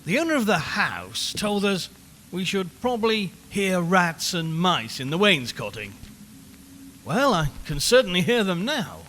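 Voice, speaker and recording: A high-pitched, very animated man puts on a full character voice, fairly bright in tone and a little slow. He's an uneasy, chatty radio reporter speaking wryly and conversationally to his audience from a haunted house, in a horror audio drama done as a live broadcast. Long reverb, background hiss, and ambience are audible.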